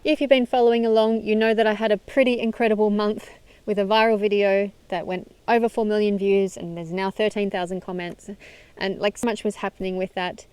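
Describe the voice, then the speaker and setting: A woman's voice: mid-range voice, flat delivery, fairly quick, clear, resonant tone, no room sound. A woman hosting a self-help video, speaking to camera in an earnest, encouraging and conversational way. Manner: earnest, encouraging, conversational, with frequent soft laughs. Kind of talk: direct-to-camera motivational talk.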